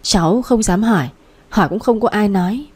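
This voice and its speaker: A woman voicing a timid young pregnant wife who speaks softly and coaxingly. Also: mid-range voice, normal speed, slightly rough, natural voice. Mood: pleading. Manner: soft, coaxing.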